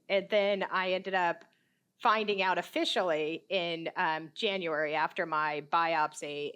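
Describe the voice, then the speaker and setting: A woman in her fifties, a podcast guest and therapist, telling her story in a casual, animated way, acting out the voices of the people she quotes and laughing often. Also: medium pitch.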